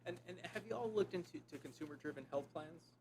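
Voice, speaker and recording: A man's voice: a little high, expressive, fast talker, crowd noise. A man from the county asking a rambling question at a board meeting, repeating words.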